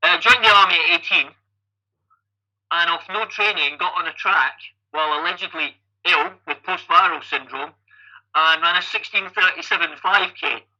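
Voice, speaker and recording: Telling his story as an interview guest, a Scottish athlete and coach in his fifties speaks animatedly at a moderate pace, his slightly high voice very bright, forward and creaky. He chattily restarts sentences and repeats their opening word, all on poor audio.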